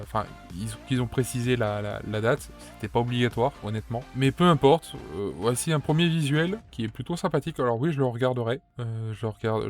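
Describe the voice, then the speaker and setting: A man's voice: mid-range voice, a little mellow. A man with a French accent giving casual anime news commentary, rambling with lots of fillers and restarts.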